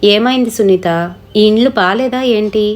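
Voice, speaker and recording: A woman's voice: medium pitch, moderate pace, lightly acted. A woman voicing a protective young husband who lectures and brushes off his wife's fears. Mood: scolding. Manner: dismissive, lecturing.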